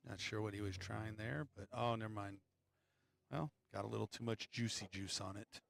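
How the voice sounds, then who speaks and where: Gravelly low-voiced man commenting on pool. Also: fairly even intonation, moderate pace, dry recording. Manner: chatty, joking, apologetic asides to viewers. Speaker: pool match commentator and stream host. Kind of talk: casual live-stream commentary. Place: pool hall.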